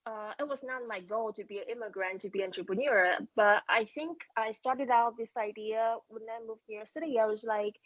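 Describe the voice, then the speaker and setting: A middle-aged woman from Taiwan with a Taiwanese accent, a startup founder speaking as a guest in a fireside chat interview, halting, with many fillers and restarts. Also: a little high, no echo, muffled recording.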